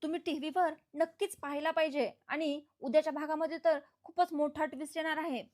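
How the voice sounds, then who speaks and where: A woman's voice: sits high, steady tone, fairly quick, darkish tone. A woman chattily retelling a TV serial episode and talking to her viewers as friends. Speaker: TV serial recap narrator. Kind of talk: casual storytelling recap.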